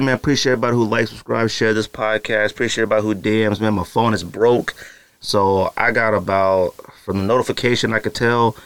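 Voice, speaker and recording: The voice is a man's, lowish and fairly bright, recorded with no echo. He's in his thirties, hosting a solo sneaker podcast from a home studio and casually talking to his audience with teasing, hyped direct address and frequent fillers.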